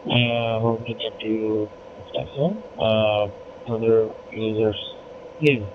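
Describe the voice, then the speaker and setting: Man from Bangladesh, ham radio operator, polite, halting, fairly low pitch, tinny crackly radio. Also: fairly even intonation. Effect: crackly digital ham radio transmission. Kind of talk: radio contact exchange with call signs. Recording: tinny, noisy narrowband radio link.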